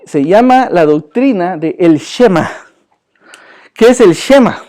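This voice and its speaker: Animated man teaching Bible class. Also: sits high, takes it slowly. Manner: animated, joking, questions the class and calls them brother. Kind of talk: church Bible class lecture. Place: church classroom.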